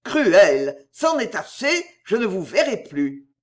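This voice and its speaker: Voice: mid-range voice, big pitch swings, a little slow. A reader voicing a lovesick young poet, pleading. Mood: despairing. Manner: pleading, breathless declarations. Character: passionate young male poet, lovesick and desperate.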